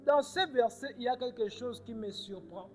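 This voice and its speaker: A man preaching a sermon in short phrases, pausing for his interpreter and rising to emphatic cries. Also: very high voice, low-quality recording.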